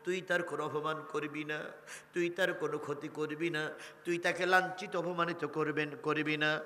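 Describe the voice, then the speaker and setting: A male preacher, voicing an old grieving mother softly in a sing-song chant as he tells a sermon story. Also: a little high, flat delivery, normal speed, reverberant, long reverb tail. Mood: tender. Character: old grieving mother, tender and soft-spoken.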